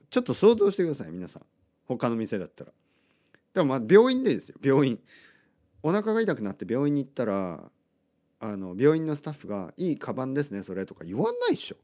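A man's voice: a little high, a little mellow. A man telling a personal story in a casual monologue, acting out the lines people said to him. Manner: chatty, acts out quoted lines in other voices; laughs often between remarks.

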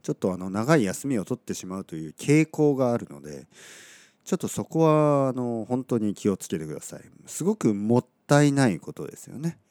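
A man from Oita, Kyushu, teaching Japanese in a relaxed podcast monologue. He chats with many soft fillers, corrects himself as he goes, and his throat is slightly scratchy. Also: mid-range voice, fairly quick, no echo. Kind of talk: casual podcast lesson monologue.

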